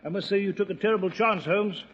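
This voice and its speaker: A man's voice: high-pitched, fast, lo-fi sound, close to an everyday voice. A man playing a loyal, earnest doctor in a 1940s radio drama, proper and a little flustered. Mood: earnest, shaken. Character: loyal, earnest male English doctor, easily astonished. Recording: noisy vintage 1940s radio recording.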